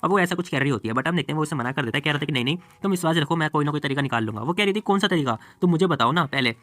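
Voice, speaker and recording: A man's voice: fairly high pitch, lively intonation, very fast, a bit bright, no echo. A man narrating a comic story in a chatty recap style, voicing the characters' lines and adding personal asides. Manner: chatty, retells scenes and voices characters' lines. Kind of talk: casual storytelling recap with quoted dialogue.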